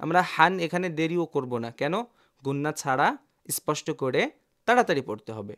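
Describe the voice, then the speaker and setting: Man teaching slow recitation drills. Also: a little high, lively intonation, fairly bright tone. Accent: Bangladeshi Bengali. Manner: spells syllables slowly, then explains quickly; asks learners to repeat after him. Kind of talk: slow letter-by-letter recitation lesson.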